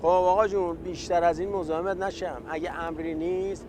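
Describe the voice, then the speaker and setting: A man plays a cheeky cab driver in a satirical sketch, chatty and complaining yet effusively polite. His voice sits high for a man, over clear engine and street noise. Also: steady tone, close to an everyday voice. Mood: joking. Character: cheeky, devoted taxi-driver son, joking and grumbling.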